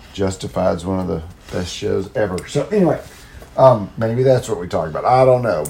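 A man with a low, gravelly, worn voice hosting a casual gaming podcast solo, in a meandering, self-deprecating way. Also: darkish tone. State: voice worn from talking over crowds of children. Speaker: podcast host. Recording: noticeable background noise.

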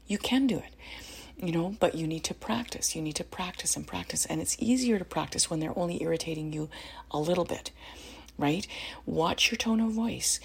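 A middle-aged woman talks through parenting advice in a deep, very breathy voice with a gravelly edge. She sounds earnest and encouraging, and often checks in with "you know" and "right?". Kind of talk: casual spoken advice talk.

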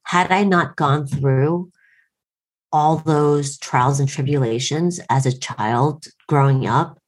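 Taking it slowly in a deep voice, this American woman in her late 30s shares a wry story at her own expense during a casual conversation, speaking with an American accent.

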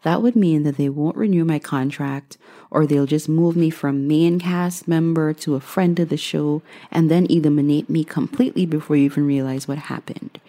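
A woman's voice: sits low, steady tone, normal speed, mellow. A woman in her thirties from Guyana, answering questions in a casual vlog with a reflective, dry sense of humor. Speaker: vlogger.

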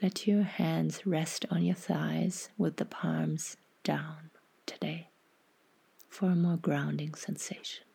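A woman guiding a meditation in a soft, breathy half-whisper, calm and unhurried, giving soothing instructions. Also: sits low. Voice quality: soft, husky, breathy, often slipping into whisper. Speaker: podcast host and meditation guide.

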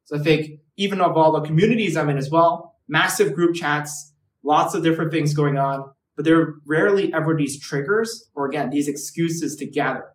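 Chatting casually on a podcast, a young Hong Kong man in his twenties leans heavily on "like" and "right." He talks at a normal speed in a fairly high voice. Picked up away from the mic, the audio has a roomy echo and a little hiss or hum.

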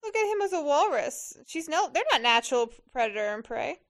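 High-voiced, expressive woman. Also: fairly quick. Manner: gushing, expressive. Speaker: movie reaction commentator. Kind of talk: casual film-watching chat.

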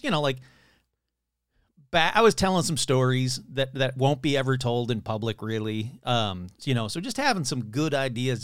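A man's voice: medium pitch, fairly bright tone, no echo, studio quality. A man hosting his podcast, chatting casually in a loose, rambling, playful way with some swearing. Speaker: podcast host.

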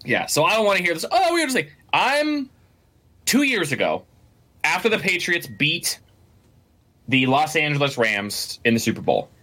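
A man co-hosting a casual sports podcast, talking in an animated, rambling way with lots of restarts and the odd curse. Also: fairly high pitch, moderate pace. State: has the hiccups. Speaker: podcast co-host.

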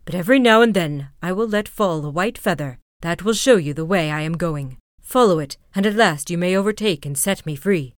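A woman reading the lines of an enchanted prince in a lower, measured voice. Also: lively intonation, no room sound, studio quality, close to an everyday voice. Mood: solemn. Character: enchanted prince, gentle young man.

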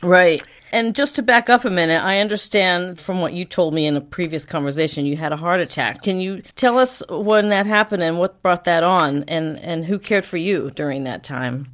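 A woman hosting a podcast, reading a scripted introduction and then interviewing her guest with soft acknowledgements. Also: lowish voice, moderate pace, few pauses. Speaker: podcast host.

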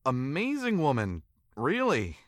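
An actor playing an eager, flustered young newlywed husband in an audio drama, often stammering. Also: male voice, fairly high pitch, wildly swooping pitch, unhurried, no room sound, clean studio sound. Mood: nervous.

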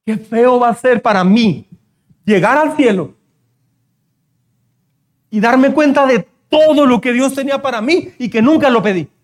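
A middle-aged pastor with a very high voice preaches a fervent sermon, speaking unhurriedly with long pauses. He repeats key phrases and addresses the congregation directly.

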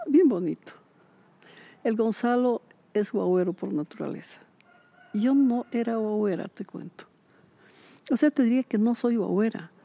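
A woman, a retired teacher chatting in an interview and telling lively stories. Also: medium pitch, creaky. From Bolivia. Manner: lively storyteller, acts out quoted voices, laughs often. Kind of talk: casual interview chat.

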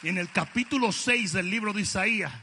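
A male preacher giving an emphatic sermon, often shouting and joking with the congregation. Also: sits high, a little fast, gravelly, long reverb tail, a little hiss or hum.

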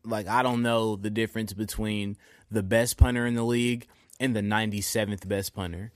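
A man co-hosting a sports podcast in loose, profane casual chat, telling animated stories. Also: fairly low pitch, a little fast, clear, resonant tone, no room sound, studio quality. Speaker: podcast co-host.

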